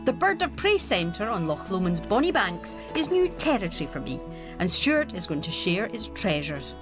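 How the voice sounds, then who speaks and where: A woman's voice: mid-range voice, sing-song, music in the background. A Scottish woman hosting a travel show, cheerful and jokey, chatting on location and narrating. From Scotland. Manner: cheerful, jokey and quick to laugh. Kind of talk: presenting, chatty and with voice-over narration.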